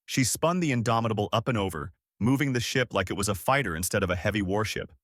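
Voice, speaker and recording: Lively male story narrator. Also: lowish voice, fast, dry recording, studio quality. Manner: steady, expressive storytelling.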